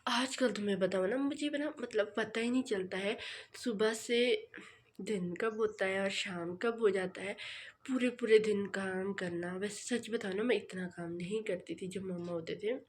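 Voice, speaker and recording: A young woman vlogger from the Himalayan foothills talks quickly and loosely, full of fillers and restarts. She sounds worn out. Faint room noise sits under her phone recording. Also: medium pitch. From Himachal Pradesh, India. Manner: fast, rambling, with many fillers. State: tired. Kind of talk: casual vlog chat. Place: home.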